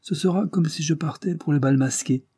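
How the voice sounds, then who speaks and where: A man's voice: on the high side, a little fast, dark tone, husky, no room sound, clean studio sound, pitched above the performer's own voice. A man voicing an impulsive, exuberant young man eager to travel. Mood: jovial. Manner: exuberant, insistent.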